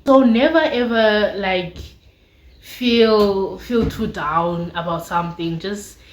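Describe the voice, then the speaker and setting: An echoey indoor recording of a young South African woman talking to her viewers. She speaks in an informal, expressive way at a medium pitch, confiding as if to friends and dropping in slangy asides. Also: slow pace, a little hiss or hum. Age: late teens, young adult. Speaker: vlogger. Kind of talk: casual confessional chat to viewers. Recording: echoey, roomy sound.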